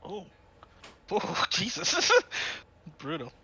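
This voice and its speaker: A man's voice: high-pitched, very animated, very slow, bright, forceful tone, slightly rough. A man reacting as a player with short exclamations.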